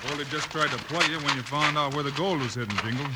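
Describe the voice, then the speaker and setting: An actor playing a steady, commanding American cowboy lawman, calm, decisive and plain-spoken, in old western drama style. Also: fairly high pitch, fast, big-room sound, lightly acted. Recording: noisy vintage soundtrack with clicks.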